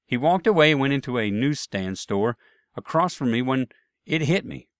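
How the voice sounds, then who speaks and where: A man recounts his travel mishaps with dry, self-deprecating humor, at an ordinary pitch for a man. He speaks close to the mic in a dead, dry room with no echo. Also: lively intonation, moderate pace, clean tone. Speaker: storyteller. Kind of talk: first-person anecdote narration.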